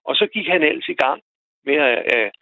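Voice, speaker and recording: A man calling in to a radio show, telling a personal story in a halting way, repeating words as he goes. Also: a little high, expressive, creaky, slight background noise. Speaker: radio caller. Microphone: telephone. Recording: tinny phone line, dry.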